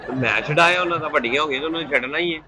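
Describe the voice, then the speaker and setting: A man's voice: on the high side, pushed and bright, a faint crowd. A man playing a chicken shop keeper in a comedy sketch, with a Punjabi accent and a mocking, exasperated way of talking. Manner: mocking, exasperated, quick retorts. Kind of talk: scripted comedy sketch banter.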